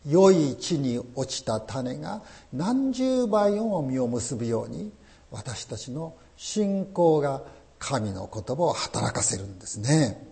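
A man's voice: mid-range voice, sing-song, slow, creaky, mellow. A man preaching a sermon as pastor, emphatic and full of rhetorical questions.

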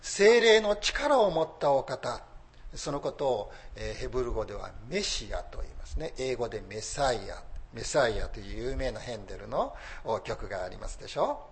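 A man's voice: mid-range voice, big pitch swings, moderate pace. A man preaching a sermon as pastor, rising in emphasis on key phrases.

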